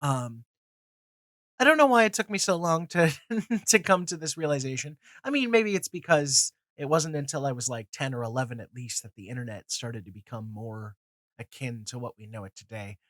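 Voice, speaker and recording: This comics video host, a man in his twenties with a cold, has a nasal, mid-range voice with lively intonation, a moderate pace and a fairly bright tone. He rambles casually through his opinions with many fillers, restarts and casual swearing. The audio is studio quality with no echo.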